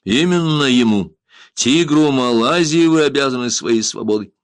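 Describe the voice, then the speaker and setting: A man voicing a lively male adventurer in a storybook reading, jovial and exclaiming, on a dry recording. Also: mid-range voice, normal speed, clear, resonant tone, no echo, pitched above the performer's own voice, natural voice. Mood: proud.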